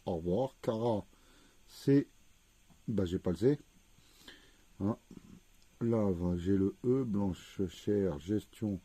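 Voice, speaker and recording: A man with a low, very dark and mellow voice talks unhurriedly, spelling out letters one at a time as he checks each word. The sound is dry and close, with no room around it. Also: dry recording. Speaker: scratch-card vlogger. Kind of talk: casual commentary while scratching tickets.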